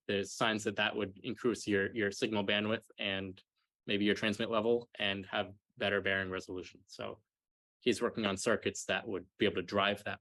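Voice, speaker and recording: Young guy, kinda low voice, dry sound, presenting technical thesis stuff, hesitant n hedgy w lots of halting pauses. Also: a bit bright, dry recording. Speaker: graduate student defending a thesis. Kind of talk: technical presentation and question answering.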